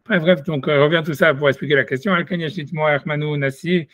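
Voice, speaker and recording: Guy teaching talmud off the cuff, bit higher voice, dry close sound, lots of stops and restarts. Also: fairly even intonation, a bit bright, dry recording, muffled recording. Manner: halting, thinking aloud with many restarts. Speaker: Torah study teacher. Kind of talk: informal Talmud lesson.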